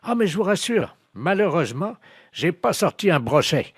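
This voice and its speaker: Man playing a high, careless angler. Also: normal speed, slightly rough, no room sound, studio quality, full character voice. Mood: nonchalant. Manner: casual, unbothered, deadpan absurd. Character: nonchalant middle-aged male angler baiting with pets. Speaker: phone prankster.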